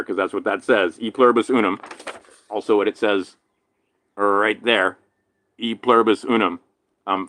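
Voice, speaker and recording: A man from Hawaii with a slight lisp from a damaged tooth, rambling through a casual monologue, swinging between loud emphatic bursts and low mutters. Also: no echo. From island in Hawaii. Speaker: vlogger.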